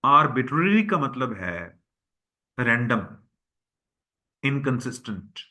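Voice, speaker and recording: A male teacher works through a vocabulary list, drilling each word by saying it again and again. His voice is bright and forceful, and he talks to his class as boys and girls. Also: medium pitch, sing-song, slow pace. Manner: drills words by repeating them; addresses students as boys and girls. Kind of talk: recorded lecture.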